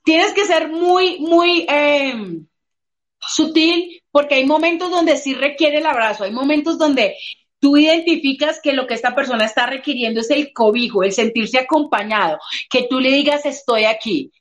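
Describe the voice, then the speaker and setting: A woman's voice: sits high, moderate pace. A woman coach talking casually in an interview, telling stories and acting out what people say. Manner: expressive storyteller, acts out quoted voices. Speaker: emotional coach.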